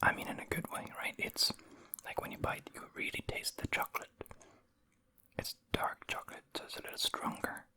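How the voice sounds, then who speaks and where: A person whispering an ASMR food review in a breathy, unvoiced voice, savoring and unhurried, close to the microphone. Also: bright, forceful tone. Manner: savoring, unhurried, with eating and mouth sounds. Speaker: ASMR video creator and host.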